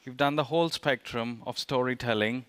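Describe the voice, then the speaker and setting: A man moderating a panel discussion, handing questions to speakers in a relaxed way. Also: medium pitch, moderate pace, clean tone.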